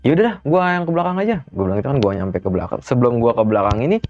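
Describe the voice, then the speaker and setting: A young man from Jakarta, Indonesia, with a colloquial Jakarta accent tells a ghost story as an interview guest, speaking very fast. He animatedly acts out every voice in the quoted dialogue with sharp pitch jumps, and the dull, dry recording carries faint music.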